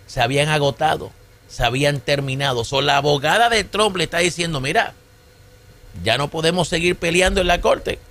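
A man hosting a podcast, giving animated political commentary and switching between Spanish and English. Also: on the high side. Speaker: podcast host.

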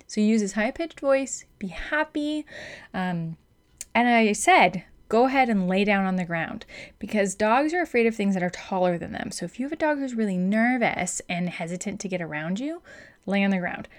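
A woman's voice: medium pitch, lively intonation, normal speed. Chatty, upbeat woman giving advice. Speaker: dog trainer. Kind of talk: casual instructional talk.

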